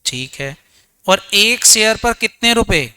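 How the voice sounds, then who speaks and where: Taking it slowly with lively intonation, a man with a sharp yet smooth voice teaches an accounts exam revision class. He quizzes students and supplies the answers himself in a low voice, blending English terms into his Hindi.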